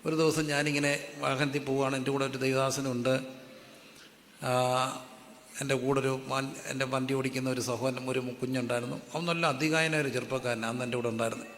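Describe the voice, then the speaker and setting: A man's voice: mid-range voice, little pitch movement, a little fast, a bit bright. A man preaching a sermon as pastor, asking the congregation to repeat verses back to him. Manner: call-and-response preaching, asks the congregation to repeat verses aloud. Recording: echoey hall with faint ambient noise.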